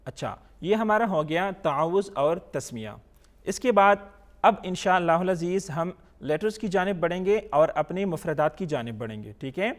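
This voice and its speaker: High-pitched and with lively intonation, this Pakistani-accented man leads a televised Quran reading class. He works patiently through every letter with slow, stretched recitation, dropping English terms into what he explains.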